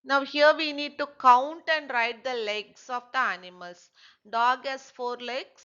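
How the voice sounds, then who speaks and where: A woman, teaching a children's textbook lesson slowly and asking and answering her own questions. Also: high voice, bright, forceful tone, clear, resonant tone, lo-fi sound.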